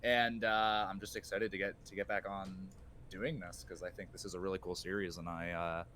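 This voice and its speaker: A man who coaches esports, chatting on a live podcast, animated and casually swearing, trailing off quietly at times. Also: low-pitched, brisk, slight background noise.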